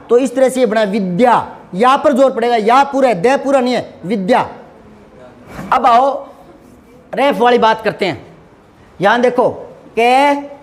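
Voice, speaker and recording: Man, middle-aged, Hindi teacher, very high voice, patient, repetitive pronunciation drills, check-in questions. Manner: patient, repeats and drags out sounds to demonstrate pronunciation; asks rhetorical check-in questions. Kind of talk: classroom-style grammar lesson.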